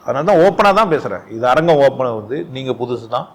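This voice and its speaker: A man giving an informal spiritual talk at a satsang, animated and full of rhetorical questions, often laughing as he speaks. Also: medium pitch, quick pace. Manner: laughs often while talking.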